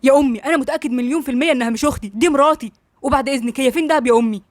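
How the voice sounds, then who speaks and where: A woman with an Egyptian accent voicing a hot-tempered young husband, blunt and brisk. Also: fairly high pitch, no room sound, studio quality, lightly acted. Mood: anxious. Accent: Egyptian Arabic.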